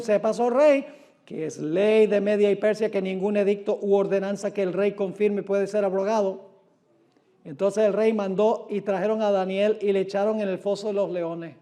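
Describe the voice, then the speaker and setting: A man preaching a sermon who reads scripture aloud with dramatic, drawn-out emphasis and asks his listeners rhetorical questions. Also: sits high, mellow.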